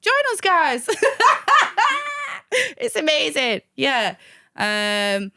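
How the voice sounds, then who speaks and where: A young woman from Manchester, England, speaks as an interview guest in a high-pitched, very slow voice. She's casual, animated and chatty, but hesitant, with lots of fillers. The studio recording is clean, with no room sound.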